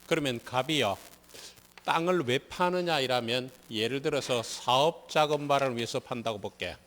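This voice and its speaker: A man's voice: medium pitch, moderate pace, fairly bright tone, in a large hall, a little hiss or hum. A man with a Gyeongsang Korean accent teaching civil law in a classroom lecture, drilling students with repeated quiz questions. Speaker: civil law instructor for a real estate licensing exam.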